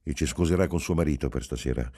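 A reserved young husband speaks in a calm, reasonable, restrained tone, as a male audiobook reader plays him. The voice stays very deep, dark and husky, close to the reader's own. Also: fast talker. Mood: guarded.

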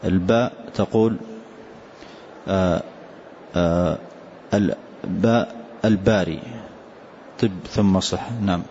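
A man's voice: low-pitched, fairly even intonation, slow, pauses often, mellow. A man teaching as a sheikh, patiently repeating a student's recited line and then explaining it. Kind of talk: classroom text explanation. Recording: dull lo-fi lesson recording, faint hiss.

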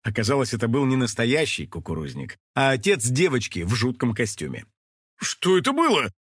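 A man narrating a children's audio story in an animated, scripted style. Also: medium pitch, brisk, breathy edge, dry recording, studio quality.

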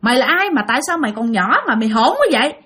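A woman's voice: on the high side, expressive, fairly quick, a bit bright. A woman voicing a frightened young woman who talks back to a ghost. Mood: angry. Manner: angry, then pleading.

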